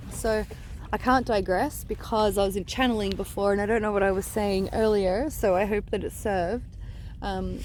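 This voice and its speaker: The rush of water comes through clearly as a woman with a warm, medium-pitched voice speaks to camera from the shoreline, sharing psychic energy guidance as a spiritual vlogger. Her monologue is casual and earnest but rambling, drifting into digressions and leaving thoughts unfinished.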